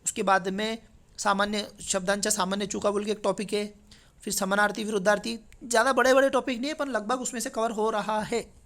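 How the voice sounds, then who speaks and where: A Marathi-speaking male teacher goes through an exam paper in a chatty, conversational lesson, frequently checking in with tag questions. His high-pitched voice has fairly even intonation and a fairly bright tone, and his pace is fairly quick.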